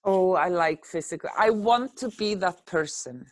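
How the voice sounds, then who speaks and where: A woman's voice: lowish voice, a little slow. A middle-aged woman from Iceland, a film editor, answering interview questions in a thoughtful, hesitant way. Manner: thoughtful, hesitant, fillers and restarts. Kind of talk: casual interview.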